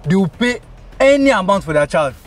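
High-voiced Nigerian scheming young crook. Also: male voice, very animated, fairly quick, far from the mic, music in the background. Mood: eager, persuading. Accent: Nigerian, speaking Pidgin. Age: young adult. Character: scheming, eager young street crook pushing a kidnapping. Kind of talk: screen comedy acting. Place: outdoors on a roadside.

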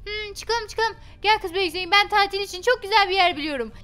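Bright, very high-voiced woman gamer. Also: quick pace. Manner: dramatic, exclaiming. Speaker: game role-play host. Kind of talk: Minecraft role-play narration.

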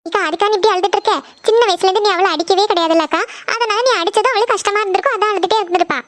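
A woman's voice: very high-pitched, rapid-fire, fairly bright tone, dry recording. A woman voicing a caring young aunt in a cartoon, with a concerned, questioning manner.

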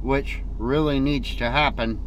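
A man's voice: mid-range voice, steady tone, unhurried, poor audio. A man around his forties chatting casually and unhurriedly to the camera in a folksy way while driving. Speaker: vlogger. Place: inside a car, often moving. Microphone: camera or phone at arm's length on the dashboard. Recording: loud car and road noise.

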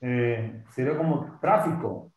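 A man's voice: mid-range voice, a little slow, a little mellow, roomy sound. A man taking an online Mandarin lesson as a student, speaking hesitantly and trying the words again and again.

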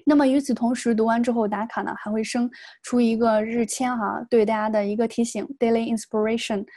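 A woman's voice: on the high side, steady tone, dark tone, no room sound. A woman, teaching an online exam-prep lesson in a patient, explanatory way. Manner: patient, explanatory, models English words slowly. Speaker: English test tutor.

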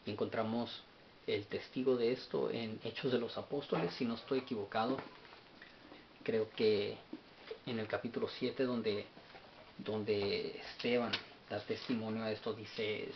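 A man with a lowish voice talks through a Bible study, stumbling and repeating words as he thinks aloud. The sound is dull and lo-fi, with a faint hiss underneath. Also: fairly even intonation. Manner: halting, repeats words while searching notes. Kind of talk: unscripted Bible study talk.

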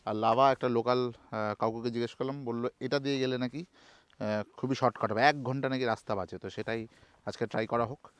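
A man, narrating a travel vlog in a chatty, excited way as he drives through hill villages. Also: medium pitch, brisk, clean tone, no room sound. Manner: chatty, excited about scenery. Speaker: travel vlogger. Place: outdoors on a road trip, in and around a car. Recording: noisy outdoor recording with traffic.

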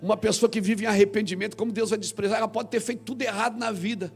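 A Brazilian man preaching a sermon as a pastor, dramatic, swinging between quiet and loud. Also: sits high, steady tone, racing, gravelly. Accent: Brazilian Portuguese.

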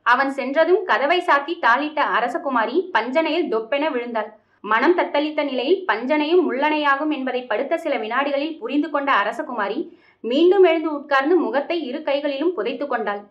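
A woman narrating a historical novel aloud in a steady, expressive storytelling manner. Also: sits high, normal speed, dull audio.

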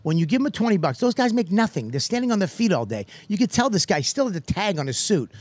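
A man hosts a comedy podcast, spinning a profane story and playing every person in it. His voice sits high and swings widely. The sound is close and dry, with no room around it. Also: quick pace, no room sound. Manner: animated, profane, acts out other people's lines. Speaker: podcast host.

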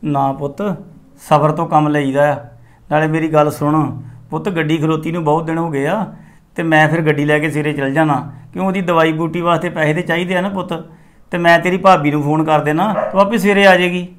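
An actor playing a middle-aged father who speaks gently and patiently. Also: fairly high pitch, fairly even intonation, a little fast, close to an everyday voice.

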